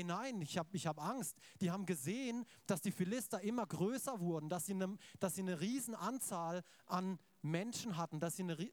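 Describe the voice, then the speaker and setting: A man's voice: high-pitched, dry recording. A man preaching a sermon in a casual, conversational way, retelling scripture and keeping asking his congregation for agreement.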